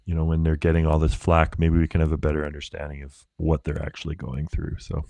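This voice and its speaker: Very deep-voiced man telling stories. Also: monotone, fast talker, gravelly, mellow, dry recording. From Canada. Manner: laid-back storyteller, many fillers. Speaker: podcast guest, Paralympic athlete. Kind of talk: casual interview chat.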